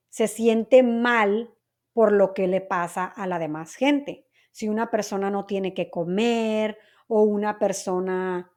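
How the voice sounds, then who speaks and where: Slow, patient woman teacher. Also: fairly high pitch, a little mellow. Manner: patient, checks understanding with repeated tag questions. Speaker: Spanish teacher. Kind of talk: slow vocabulary explanation for learners.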